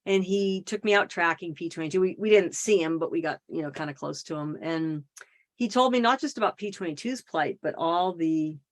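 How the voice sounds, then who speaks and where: A middle-aged woman from the Boston area of Massachusetts, a wildlife advocate, appears as a guest on a podcast for a casual conversational interview. She speaks a little fast in a lowish voice, telling stories chattily with self-deprecating humor and plenty of fillers.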